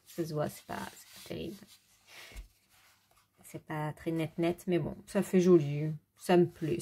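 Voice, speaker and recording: A woman casually showing her coloring books, rambling with fillers and quick self-corrections. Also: deep voice, gravelly, dark tone. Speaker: adult coloring hobbyist. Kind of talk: casual show-and-tell.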